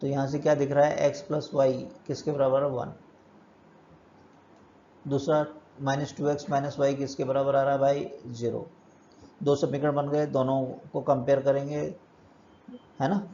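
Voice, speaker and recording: A man's voice: mid-range voice, level tone, moderate pace, long pauses, mellow, lo-fi sound, slight background noise. A male physics teacher giving a step-by-step lecture, asking and answering his own questions as he works through problems. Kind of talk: classroom lecture.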